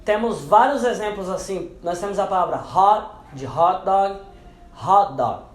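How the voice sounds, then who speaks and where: A man's voice: normal speed, echoey room. A man teaching English pronunciation in a lesson. He explains each rule patiently and repeats the example words several times. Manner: repeats example words, dropping lower for them.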